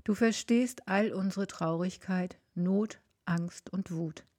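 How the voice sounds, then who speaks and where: A woman leading a children's service, gently and earnestly telling a Bible story in the first person to children. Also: on the low side, slow pace, dry recording, studio quality.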